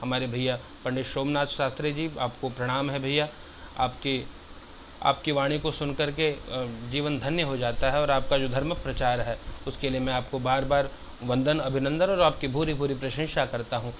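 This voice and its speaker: With a steady tone at medium pitch, this male religious teacher unpacks holy verses in everyday language during a devotional discourse. Slow, loud Sanskrit chanting alternates with his plain commentary, and he warmly addresses listeners as brother. Dull audio carries a little hiss or hum.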